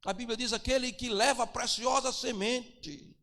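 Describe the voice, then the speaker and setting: A man preaching as a pastor, moving from quiet storytelling to impassioned shouting, recorded in a church. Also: very high voice, fairly even intonation, moderate pace, long reverb tail. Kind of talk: sermon.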